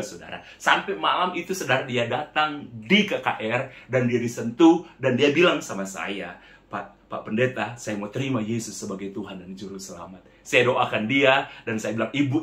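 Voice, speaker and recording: A man's voice: mid-range voice, a bit bright, reverberant. A man preaching as a pastor, telling a testimony to his congregation and often calling them brothers and sisters. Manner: addresses the congregation as "saudara" repeatedly, acts out quoted voices. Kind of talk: sermon testimony storytelling.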